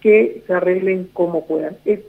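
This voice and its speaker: An executive director with an Argentine Spanish accent, calling into a radio show as a guest, has a high, gravelly voice with a steady tone and moderate pace. He keeps reassuring, repeats himself, and uses many fillers. The sound comes over a tinny phone line.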